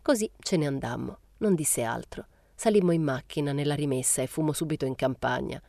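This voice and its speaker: Low, dark-voiced woman reading a novel. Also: gravelly, no room sound, clean studio sound. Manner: measured, understated first-person reading. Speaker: audiobook reader. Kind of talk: literary audiobook narration.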